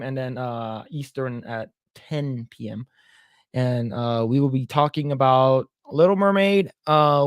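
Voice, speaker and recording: The young co-host of this podcast has a voice on the high side and talks in a casual, rambling, blunt way, with casual swearing. The studio-quality audio carries no room sound.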